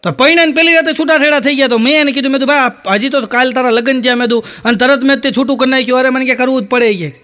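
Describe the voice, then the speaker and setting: A man telling stand-up jokes, acting out the characters' lines in a higher voice. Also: steady tone, racing, hardly any pauses, pushed and bright. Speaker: stand-up comedian.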